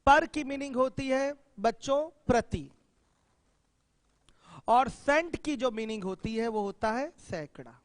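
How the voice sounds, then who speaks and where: A man's voice: very high-pitched, unhurried, dry recording, long reverb tail. A man teaching a maths class, quizzing students with questions as he explains. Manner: addresses students directly with questions, emphatic. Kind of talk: classroom lecture.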